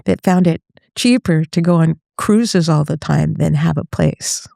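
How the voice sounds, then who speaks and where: A woman's voice: low-pitched, unhurried, vocal fry, warm tone, no echo, clean studio sound. A middle-aged woman from Northern California, a voice teacher chatting casually as an interview guest, laughing often and trailing off mid-thought.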